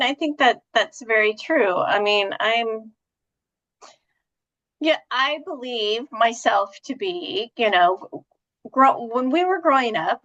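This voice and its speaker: A woman's voice: medium pitch, a bit bright, dull audio. A woman in her fifties co-hosting a talk show, chatty and self-deprecating, full of "you know" and "right?". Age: 50s. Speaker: podcast co-host. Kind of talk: casual chat.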